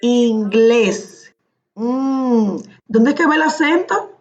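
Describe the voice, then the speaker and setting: A woman's voice: fairly high pitch, slow pace, dull audio. A woman teaching a class over a video call, patiently asking questions and calling on students by name. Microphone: computer mic on a video call.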